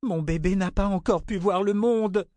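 A man voicing a desperate pregnant woman who pleads in a high, raised voice. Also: moderate pace, darkish tone, dry recording, lightly acted. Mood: pleading.

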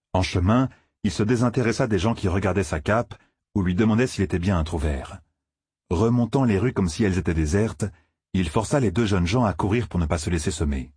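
Low, husky male audiobook narrator. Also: darkish tone, dry recording, studio quality. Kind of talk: scripted narration.

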